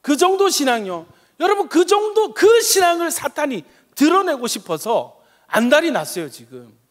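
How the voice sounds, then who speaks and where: A male pastor preaching a sermon with passion, swinging from loud emphatic peaks to soft quiet asides. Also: very high voice, big pitch swings, moderate pace. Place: church sanctuary. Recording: long reverb of a church sanctuary.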